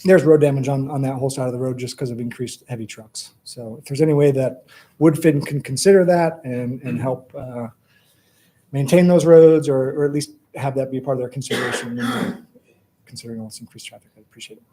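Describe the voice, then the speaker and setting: A man speaking as a resident at a planning meeting, giving hesitant public comment in a halting way. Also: medium pitch, mellow.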